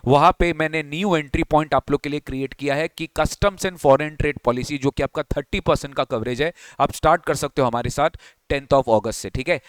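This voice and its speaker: A man's voice: a little high, clear, resonant tone, dry recording. A man giving a coaching lecture, emphatic and mixing in English, asking himself rhetorical questions. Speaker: tax teacher.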